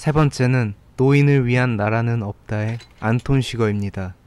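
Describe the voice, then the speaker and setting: A man's voice: medium pitch, steady tone, moderate pace, a little mellow, clean tone. A man reading a scripted narration as a voice-over for a film ranking video. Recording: voice-over with faint background music. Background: faint music.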